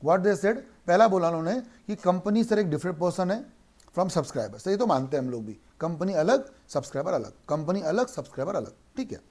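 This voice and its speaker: A man teaching a law class in Hindi mixed with English, who keeps asking questions and answering them himself, and slows down to read English lines aloud. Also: sits high, expressive, a little mellow. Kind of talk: online lecture.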